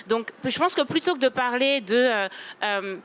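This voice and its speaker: Measured woman in her late thirties. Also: on the high side, expressive, fairly bright tone, slight background noise. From Cameroon. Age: late 30s. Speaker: panel guest. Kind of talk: personal testimony in a panel discussion.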